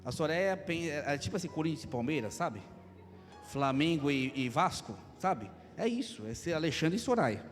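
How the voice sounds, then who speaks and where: A Brazilian man in his thirties, a pastor preaching a lively sermon with jokes and acted asides. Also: fairly high pitch, normal speed. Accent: Brazilian Portuguese. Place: church hall. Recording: long hall reverb, faint music.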